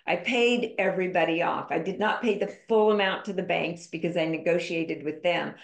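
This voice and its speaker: A woman's voice: on the low side, moderate pace, vocal fry. A woman guest on a podcast, telling a personal story in an emphatic, candid way. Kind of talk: conversational storytelling interview. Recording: roomy echo.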